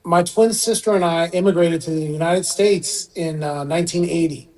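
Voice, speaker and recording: A middle-aged surgeon born in Iran explains things in a relaxed way as a guest on a radio interview, with occasional fillers. His voice is a little high, his pace moderate, and the audio poor.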